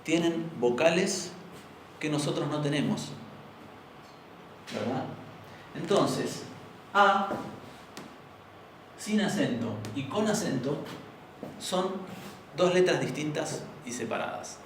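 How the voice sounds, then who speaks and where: A young Argentine-accented man teaches an informal university session, slow-paced with long pauses and lively intonation in a slightly high voice. He explains patiently and often asks students if they agree. He is far from the room microphone, in a very echoey space with slight background noise.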